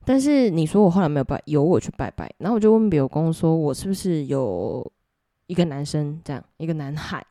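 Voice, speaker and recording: A young woman with a Taiwanese Mandarin accent chats through a ghost story and keeps turning to her listeners. Her voice is low and mellow. The sound is dry and close. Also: expressive, fairly quick, no echo. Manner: chatty, addresses listeners directly. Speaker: podcast host. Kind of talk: casual ghost-story telling.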